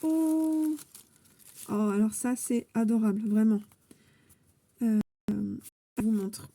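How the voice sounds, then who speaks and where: A woman vlogging about scrapbooking, showing and praising crafts she received while handling paper, with warm repeated compliments and frequent hesitations. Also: medium pitch, level tone, slow pace, creaky. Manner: enthusiastic, repeats her praise, many hesitations. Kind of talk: casual show-and-tell vlog.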